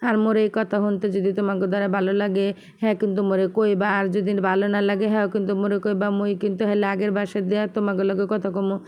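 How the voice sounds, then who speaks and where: A woman vlogger with a Barishal Bengali accent rattles along quickly, talking straight to her viewers in casual chat. Her voice is smooth and clear, and her pitch stays fairly level. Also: level tone, darkish tone. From Bangladesh. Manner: chatty, addresses viewers directly. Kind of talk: casual home vlog chat.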